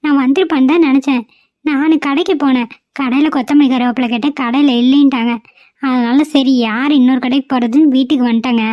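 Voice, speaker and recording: A frightened cartoon mother frets and pleads in a high voice, as a woman acts her out. The sound is slightly dull and dry. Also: steady tone, quick pace, dry recording, close to an everyday voice. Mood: anxious. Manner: fretful, pleading. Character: anxious middle-aged mother, pleading and prayerful. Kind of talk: cartoon voice acting.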